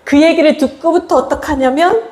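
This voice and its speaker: A woman missionary giving a lively testimony, acting out quotes with a raised voice and laughter. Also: sits high, fairly quick, reverberant. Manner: animated storytelling, acts out quotes with raised voice and laughter. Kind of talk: testimony sermon.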